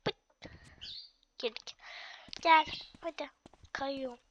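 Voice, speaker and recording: Coughing from an illness, a young gaming channel host talks to her viewers directly in a relaxed, chatty way during her own game video. She speaks slowly in a high-pitched voice, and the lo-fi recording has a noisy background.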